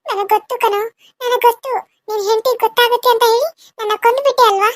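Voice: very high-pitched, fairly even intonation. A performer voicing a vengeful female ghost, a murdered second wife, who taunts and accuses her killer in a cartoon serial. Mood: accusing. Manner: accusing, taunting, drawn-out wails.

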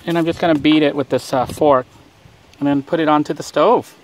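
A man with a slightly high voice talks briskly through his cooking while vlogging next to a van outside. His casual how-to narration is relaxed and rambling, full of fillers, and there's a little hiss or hum in the audio.

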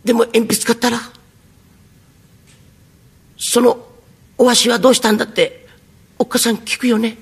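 A man's voice: extremely high pitch, flat delivery, normal speed, gravelly, long pauses, husky, heavily acted. Man voicing a sweet eager little boy. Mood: innocent eager. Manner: eager, innocent, chatty. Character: earnest poor young boy, sweet and plain. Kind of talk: traditional rakugo storytelling.

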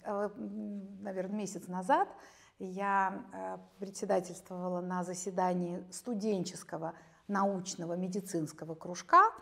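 A woman in her late fifties, a gynecologist explaining medical topics in a measured, academic way, sometimes breaking into lively storytelling, recorded on a lapel mic in a studio. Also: mid-range voice, vocal fry. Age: 50s. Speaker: gynecologist guest expert. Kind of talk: conversational expert explanation. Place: bright studio, seated on chair.

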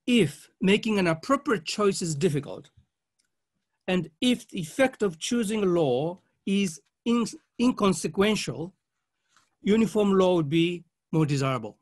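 In a formal conference presentation read alongside slides, a high-pitched male legal academic sounds animated. Still, he speaks in a measured, halting manner, breaking his words into short phrases.

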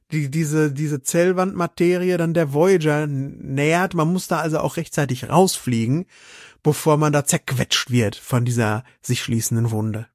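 Man, podcast co-host, lively retelling of a plot, slightly higher voice, dry studio sound. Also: dry recording. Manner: eager storyteller acting out characters' lines. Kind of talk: casual chat retelling an episode.

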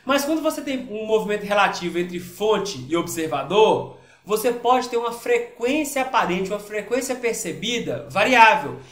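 A man's voice: high voice, animated, normal speed, fairly bright tone, echoey room. A man with a Brazilian Portuguese accent, a physics teacher talking casually through worksheet exercises in an online lesson and often checking in with his students.

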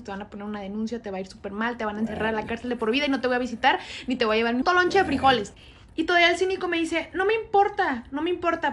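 A woman's voice: a little high, slight background noise. Chatty Mexican woman telling gossip. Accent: Mexican Spanish. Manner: chatty, slangy, dramatic retelling. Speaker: storyteller on social media. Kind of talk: casual gossip storytelling.

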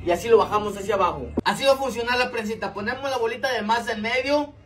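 A man with a Mexican Spanish accent narrating mock tutorials in a deadpan, step-by-step way. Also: very high-pitched, fast, soft background music. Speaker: comedy creator.

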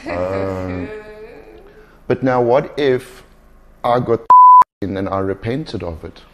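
A man's voice: medium pitch, measured pace, music in the background. A man leading a deliverance session as minister, insistent and commanding, repeating his questions and phrases. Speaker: exorcist minister. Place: small furnished indoor room.

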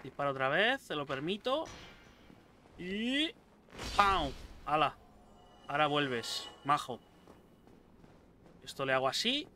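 A young man giving casual let's-play commentary, excitable, swearing a lot and talking back to enemies on screen. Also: fairly high pitch, takes it slowly, long pauses, faint music behind. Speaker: gameplay streamer.

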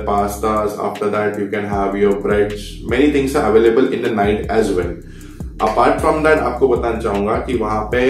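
A young man vlogs to camera about cruise ship jobs, his medium-pitched voice a little mellow, giving casual instructions while mixing Hindi and English. He keeps repeating "ठीक है" and "आपको बताना चाहूंगा," checking in with "theek hai." The mic sounds distant in a roomy echo, with faint music behind.

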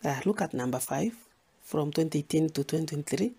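A man's voice: on the high side, expressive, fairly quick, dark tone, breathy edge. A man from Kenya giving an exam revision lesson, listing topics and repeating key points for emphasis. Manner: repetitive, emphatic, lists topics. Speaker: teacher.

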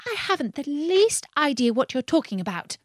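A woman voicing a polite, bewildered little girl in a storybook, earnest and quick to protest. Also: sits high, big pitch swings, no echo, studio quality, pitched above the performer's own voice. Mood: polite puzzlement. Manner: plaintive, earnest, hesitant. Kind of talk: storybook character reading.

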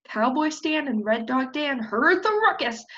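A young woman preschool teacher, her voice sitting high, animated and fairly bright at a measured pace, reads a children's storybook expressively and asks prompting questions. The recording comes from a computer microphone on an indoor screen-share video call, with slightly dull webcam audio.

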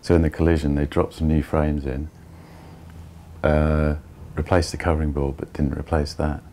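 A man in his fifties giving a measured, step-by-step tour of an old barge's wooden hold. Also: rumbling low, level tone, dark tone, slight background noise. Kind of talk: explanatory walking tour.

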